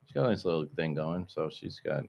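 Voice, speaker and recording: A man in his fifties chatting casually as a co-host, blunt and jokey, swearing often and trailing off quietly. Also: low voice, fairly quick, vocal fry, highs cut off. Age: 50s. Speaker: chiropractor, podcast co-host. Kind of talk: casual chat.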